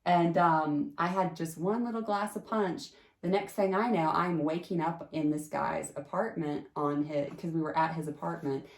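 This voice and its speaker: A woman with a fairly low voice tells her story casually, in a chatty and emphatic way. She uses frequent fillers and restarts. The sound carries a roomy echo. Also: fairly even intonation, normal speed, few pauses. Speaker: storyteller sharing a personal experience.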